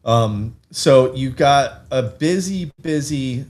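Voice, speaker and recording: A man co-hosting a casual fan podcast, thinking out loud with fillers and laughing at himself. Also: mid-range voice, animated, slow. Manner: rambling, self-amused, thinks aloud with many fillers. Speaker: podcast co-host. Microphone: desk mic with camera, streaming live.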